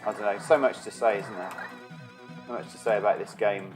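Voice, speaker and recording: Over game music, a man streams from his bedroom, offering casual commentary full of swearing and complaints about the game. He talks briskly in a lowish voice, and the recording is rough.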